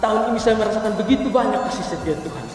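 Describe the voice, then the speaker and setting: A man voicing a calm, grateful middle-aged wife giving thanks in prayer. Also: high-pitched, rapid-fire, creaky, soft background music, voice pushed up. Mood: thankful calm. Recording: echoey church hall, distant mic.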